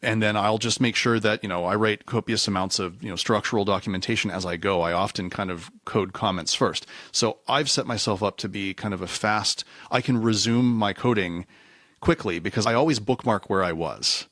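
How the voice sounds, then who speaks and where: Alçak sesli bir adam, podcast konuğu, dağınık ve kendini düzelterek konuşuyor; kayıt kuru ve yankısız. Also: male voice, fairly low pitch, moderate pace, fairly bright tone, dry recording, clean studio sound. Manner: discursive, self-correcting, slips into acted quotes. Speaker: podcast guest, reliability engineer. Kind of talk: casual conversational interview.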